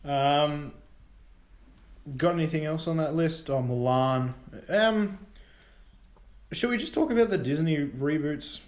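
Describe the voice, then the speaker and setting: A young man co-hosting a casual film chat, hopping between topics with bursts of excitement. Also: fairly high pitch, slow pace, long pauses. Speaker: podcast co-host. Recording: roomy echo.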